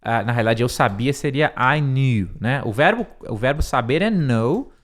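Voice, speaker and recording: Man, English teacher, patient repetitive explaining, fillers, expressive pitch. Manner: explains slowly, repeats words, many fillers. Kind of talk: line-by-line English lesson.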